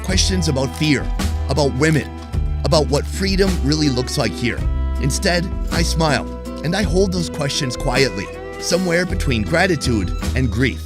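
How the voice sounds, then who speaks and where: A man's voice: fairly high pitch, expressive. Reflective male narrator over music. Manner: measured, reflective. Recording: music playing underneath.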